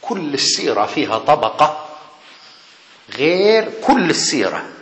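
A man's voice: a little high, big pitch swings, measured pace, a bit bright. A man, a professor giving a critical lecture-style talk in a sarcastic manner. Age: 40s. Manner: sarcastic, mimics dialogue. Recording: echoey hall with faint noise.

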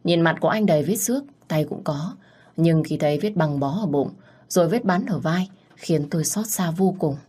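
A woman narrating a first-person love story in a gentle, emotional reading voice. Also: low voice, animated, moderate pace, husky.

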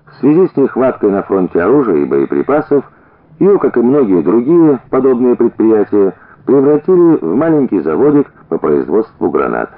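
A man reading a story aloud as narrator, changing his pitch for the different characters. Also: big pitch swings, normal speed. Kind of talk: audiobook reading with voiced dialogue. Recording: tinny narrow-band radio recording.

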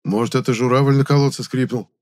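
A man voicing an excitable, touchy man who speaks high and loud and flares into shouting. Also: fast, close to an everyday voice. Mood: grumbling.

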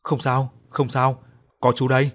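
A man as a gentle young man soothing a child. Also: mid-range voice, little pitch movement, unhurried, close to an everyday voice.

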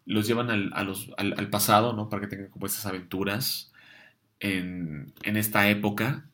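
A man's voice: lowish voice, fairly even intonation, normal speed, a bit bright. A young man hosting a casual comics show, chatty with many fillers and restarts, answering viewer questions.

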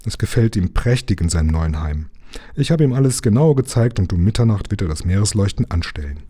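A man voicing a burly, good-natured engine driver who talks in a gruff, grumbling way. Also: on the low side, animated, a little fast, mellow. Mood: cheerful.

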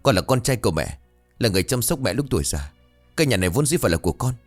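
A man's voice: on the low side, sing-song, racing, faint music behind, voice pushed up. A man voicing a lazy gambling son near forty who wheedles and pushes his mother. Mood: wheedling.

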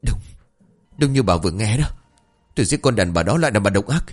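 Furious bitter young husband, voiced by a male narrator, loud, raised voice, lively swings. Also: medium pitch, a little fast, husky, faint music behind, voice pushed up. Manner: shouting accusations, raised and harsh.

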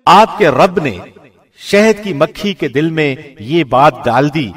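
A slightly rough, somewhat high-pitched male voice delivers a scripted scripture translation formally, solemnly and in measured fashion, much like a radio presenter.

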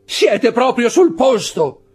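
A man reading an audiobook, voicing a terrified, superstitious male Corsican steward who shouts and pleads desperately. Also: mid-range voice, sing-song, moderate pace, slightly rough, faint music behind, pitched above the performer's own voice. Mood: panicked. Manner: shouting, desperate, trembling pleas.

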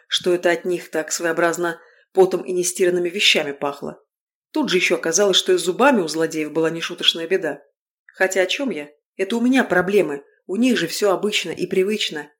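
A woman reads a first-person fantasy novel aloud as an audiobook narrator. Her telling is wry and lively, with quick asides to the listener. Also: on the low side.

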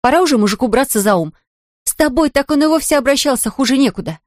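A brisk, scornful young woman, voiced by a woman narrator rattles off gossip in a bright raised voice. The audiobook sound is dry and close, with no room around it. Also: high voice, expressive, no room sound, pitched above the performer's own voice. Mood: chatty, scornful. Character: lively outspoken young woman friend, sharp-tongued gossip.

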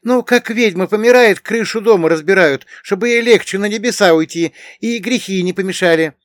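A man voicing a talkative young village man in an audiobook, speaking loudly and with excitement. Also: sits high, a little fast, no room sound, studio quality, pitched above the performer's own voice, close to an everyday voice. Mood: explaining. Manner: raised, excited, loud delivery.

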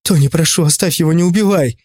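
A man's voice: fairly high pitch, fast talker, darkish tone, no room sound, studio quality, natural voice. A man voicing a frightened young woman in an audiobook, pleading urgently.

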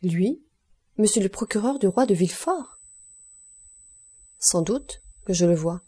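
A woman's voice: medium pitch, animated, measured pace, warm tone, slightly rough. A woman voicing a frightened, agitated older male steward in an audiobook, breathless and exclamatory. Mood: panicked.

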